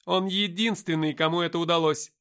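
A man's voice: fairly high pitch, steady tone, brisk, a bit bright, clear, resonant tone, voice pushed up. A man reading an audiobook voices a haughty, world-weary female angel who speaks in a commanding, solemn way.

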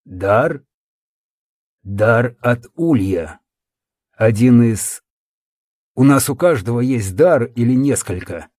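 A man voicing a tired, grave older healer who speaks slowly and calmly. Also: no room sound, clean studio sound. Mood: weary. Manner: slow, low, tired murmur. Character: weary older male healer, calm and grave.

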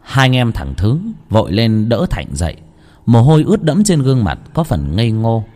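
A man narrating a scripted ghost story with dramatic, expressive storytelling. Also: mid-range voice, normal speed, faint music behind.

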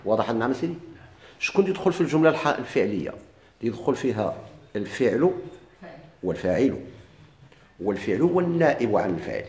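Male grammar teacher, Moroccan accent, rapid lecture, quizzes and answers himself, echoey room. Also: medium pitch, very animated, a little mellow. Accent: Moroccan Arabic. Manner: asks questions and answers them himself. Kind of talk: classroom lecture.

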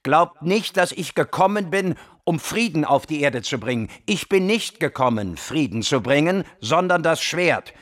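An actor playing Jesus as a solemn, commanding preacher in a German radio drama, speaking in a measured, declamatory way. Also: male voice, on the high side, expressive, fairly bright tone, dry recording. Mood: stern, insistent.

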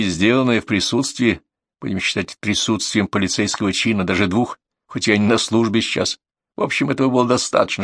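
A man voicing a cool-headed police detective who reasons calmly and without hurry. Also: medium pitch, creaky, dry recording, clean studio sound. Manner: composed, unhurried reasoning.

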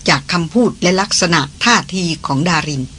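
An audiobook narrator reading a novel in a slow, measured way. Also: mid-range voice, a bit bright, a little hiss or hum.

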